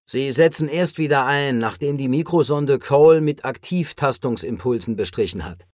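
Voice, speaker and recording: A composed, formal giant alien speaks in measured, analytical sentences, as a male narrator gives him voice. He sounds steady and reassuring. The recording is dry, with no room echo. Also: mid-range voice, lightly acted. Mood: calm.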